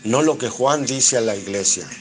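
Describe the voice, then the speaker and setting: A man's voice: mid-range voice, normal speed, soft background music. A man with a Mexican accent giving a Bible study sermon, reading scripture aloud and explaining it line by line, asking rhetorical questions and answering them himself. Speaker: preacher.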